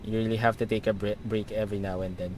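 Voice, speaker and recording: A man's voice: on the low side, little pitch movement, quick pace, noisy background. A man with a Filipino accent, chatting casually as a livestreamer while running through virtual pilot procedures. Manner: chatty, switches between procedures and viewers. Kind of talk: casual flight simulator stream chat.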